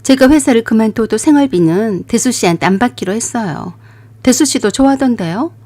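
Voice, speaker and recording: A woman's voice: on the high side, animated, fairly quick, a little mellow, dry recording. A woman playing a young wife standing her ground. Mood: indignant. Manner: polite, rising to indignant. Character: young married woman, polite then defiant. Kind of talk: radio drama acting.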